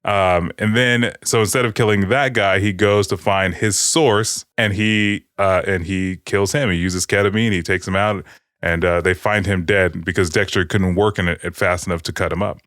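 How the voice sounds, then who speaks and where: Podcast co-host, male, lower register, loose and profane storytelling, dry booth. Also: steady tone, normal speed, fairly bright tone, dry recording. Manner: profane, rambling TV recap. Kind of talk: casual podcast chat.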